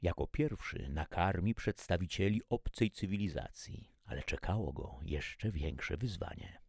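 A man narrating a story in an expressive, animated reading style. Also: deep voice, measured pace, slightly rough, dry recording, studio quality.

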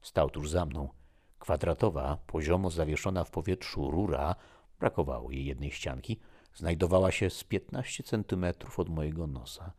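Male narrator, very low and husky, measured first-person reading. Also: a little mellow.

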